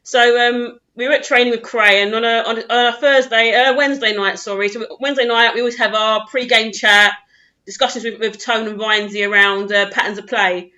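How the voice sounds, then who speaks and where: A young woman with a bright, forward voice pitched a touch high. She hosts the chat and tells a lively, laughing story. The sound is muffled, like a lo-fi stream. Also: fairly quick. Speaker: host, club physio. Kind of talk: casual chat.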